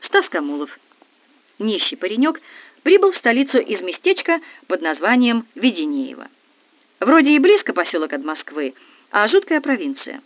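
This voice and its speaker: Brief: reader doing a furious stout colonel yelling orders, lively pitch, phone-thin sound. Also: moderate pace, no echo. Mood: calm. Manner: barking orders. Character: loud stout male police colonel, hot-tempered. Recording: dry, tinny phone-like audio.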